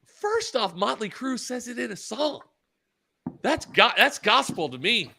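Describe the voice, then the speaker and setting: A man co-hosting a casual podcast, telling animated stories and acting out what people said, laughing often. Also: very high-pitched, unhurried, vocal fry, a little hiss or hum. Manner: animated storyteller, acts out quotes, laughs often. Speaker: podcast co-host and track announcer. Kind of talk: casual chat, storytelling.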